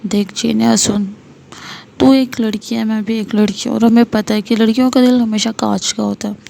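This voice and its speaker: Woman voicing a young woman friend, stern but caring, gravelly, dark, flat delivery. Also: on the high side, slight background noise.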